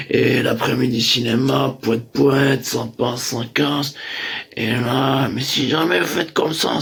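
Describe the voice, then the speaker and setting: A man with a deeply gravelly, husky voice rambles through a boastful comic monologue. He keeps tripping over fillers and restarts, and he brags at a middling pitch. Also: a bit bright. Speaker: comic playing a crude braggart.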